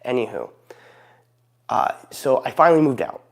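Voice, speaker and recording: A man's voice: medium pitch, big pitch swings, normal speed, creaky. A man hosting a casual, unscripted update vlog, with a goofy, rambling manner that often interrupts itself. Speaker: video channel host. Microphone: recorded beside a noisy heating fan.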